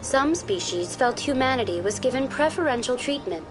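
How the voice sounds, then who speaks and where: A courteous female AI program in a video game, answering in a polished, too-smooth synthetic manner. The voice sits a little high, and game music plays underneath. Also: lively intonation, moderate pace. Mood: calm informative. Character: smooth, polite female virtual-intelligence information program.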